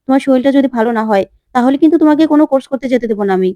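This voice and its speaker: Insistent young fiancé, quick and earnest, read by a woman in her own soft voice. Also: high-pitched, no room sound, lightly acted.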